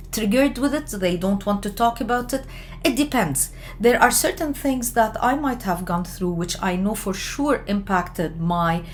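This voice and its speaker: A woman from Lebanon giving an explanatory lecture on research methods, talking in a measured way with frequent fillers and self-corrections. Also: mid-range voice, slight background noise. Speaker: education lecturer.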